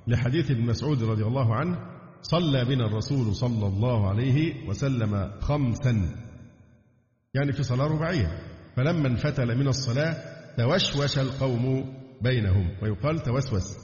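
Egyptian sheikh teaching in an echoey hall. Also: male voice, mid-range voice, a little fast, darkish tone. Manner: reads a text aloud, then breaks off into colloquial asides with hesitations. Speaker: Islamic scholar teaching jurisprudence. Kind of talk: religious lesson, reading and explaining a text. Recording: echoey hall, dull lo-fi sound.

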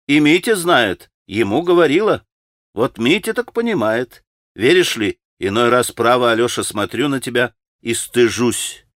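A man's voice: medium pitch, a bit bright, dry recording, clean studio sound. A man voicing Grushenka, a passionate young woman. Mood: tender, wistful. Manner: agitated, emotional.

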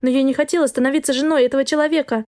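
A frightened young woman student pleads through tears in a high, strained voice, as a woman reads her in an audiobook. Her words come out sobbing and breathless, full of desperation. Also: fairly even intonation, rapid-fire, darkish tone, no echo, studio quality, close to an everyday voice. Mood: desperate. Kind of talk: audiobook dialogue.

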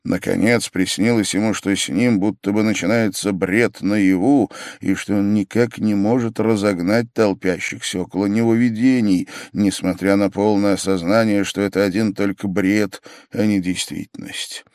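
A man narrating a classic novel in a steady, measured audiobook reading. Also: on the low side, no echo.

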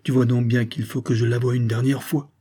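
A man's voice: medium pitch, level tone, fairly quick, warm tone, husky, lightly acted. A man voicing a young noble count and beaten soldier who speaks with sorrowful earnestness. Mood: ému.

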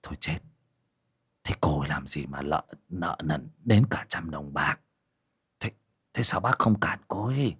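A man doing a soft, hesitant kindly old man. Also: rumbling low, animated, measured pace, pauses often, husky, no echo, studio quality, voice pushed down, exaggerated voice. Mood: startled. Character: cautious, kindly older man. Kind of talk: audiobook character voice.

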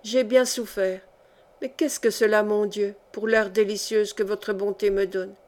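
A woman's voice: medium pitch, fairly even intonation, a little slow, darkish tone, natural voice. A woman reading the part of a devoted noble countess speaking tenderly and fervently to her daughter in an audiobook. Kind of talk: audiobook reading of a historical novel.

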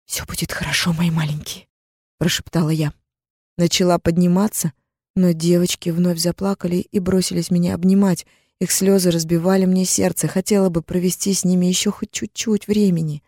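A woman narrating a story in the first person with a tense, steady dramatic reading. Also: on the low side, a little fast, dry recording, studio quality. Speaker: audiobook narrator.

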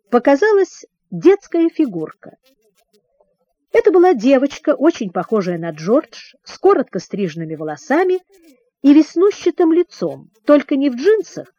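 A woman narrating a children's adventure audiobook in an expressive, animated reading. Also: high-pitched, no room sound, dull audio.

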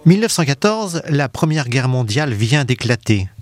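A man's voice: medium pitch, big pitch swings, moderate pace, music in the background. A man hosting a radio language course, announcing segments and asking his guests questions. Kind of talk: scripted radio presenting.

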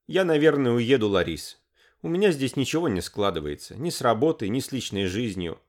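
A man reading the part of a young woman who is crying down the phone, high and plaintive in his delivery. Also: very animated, normal speed. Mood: tearful, upset.

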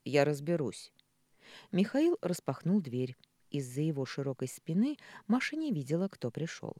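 Expressive audiobook narrator, mellow tone. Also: medium pitch, moderate pace, no room sound, studio quality. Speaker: audiobook reader. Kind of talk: scripted narration.

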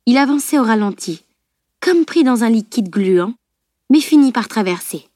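A woman reading a novel aloud as audiobook narrator, calm and even. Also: fairly high pitch, normal speed, no room sound, clean studio sound. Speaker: audiobook reader. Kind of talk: scripted narration.

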